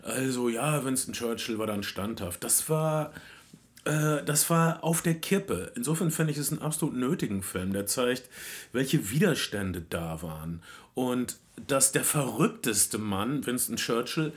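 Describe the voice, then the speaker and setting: A man's voice: mid-range voice, expressive, measured pace. A man co-hosting a podcast in casual chat, opinionated and sardonic, often restarting his sentences. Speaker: podcast co-host.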